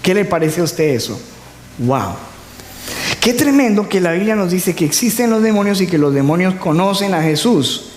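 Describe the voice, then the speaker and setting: A man's voice: sits high, lively intonation, normal speed, a little mellow. A man preaching a sermon in a church, asking the congregation to repeat words and joking with them. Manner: call-and-response preaching with humor. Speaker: pastor. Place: church hall. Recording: echoey hall, long reverb.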